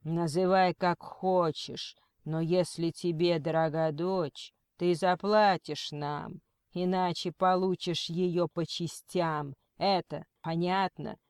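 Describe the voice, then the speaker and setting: A woman voicing a cold male kidnapper who threatens slowly and quotes scripture. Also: lowish voice, fairly even intonation, darkish tone, clean tone, no room sound, studio quality. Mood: menacing. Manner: slow, menacing, preachy.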